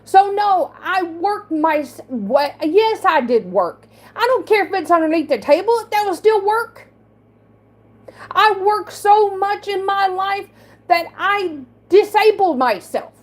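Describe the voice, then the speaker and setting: Woman with a slight speech impediment, very high voice, slow, halting and defensive, livestream talk. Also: lively intonation. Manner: halting, repeats and restarts words, defensive. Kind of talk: emotional livestream monologue.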